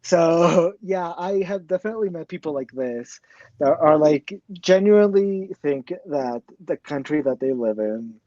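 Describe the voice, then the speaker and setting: A man's voice: on the high side, animated, warm tone, dry recording. A man from Mexico, co-hosting a podcast and ranting in exasperation. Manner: exasperated, quick rant with laughs. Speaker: podcast co-host. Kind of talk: casual podcast discussion. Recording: dull dry mic.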